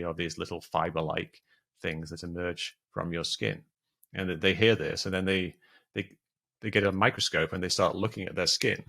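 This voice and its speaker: A man's voice: low voice, gravelly, sharp tone. A man being interviewed on a podcast, explaining things at length with frequent restarts and fillers. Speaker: guest, debunker of conspiracy theories.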